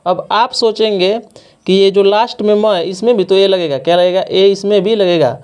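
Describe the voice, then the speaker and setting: Male teacher, clear ringing tone, repeats each point as a question and answer. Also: high-pitched, moderate pace, a little mellow. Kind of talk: classroom lesson explaining spelling.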